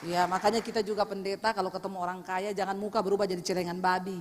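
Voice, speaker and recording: A woman pastor preaching a lively sermon, telling stories and teasing her congregation. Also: mid-range voice, racing, noisy background. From Indonesia. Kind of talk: sermon with storytelling. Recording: long hall reverb.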